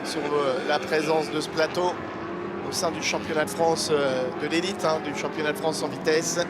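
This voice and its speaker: A man's voice: a little high, level tone, normal speed. A man giving live motorsport race commentary, calling the action as a commentator does. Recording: loud engine and trackside noise.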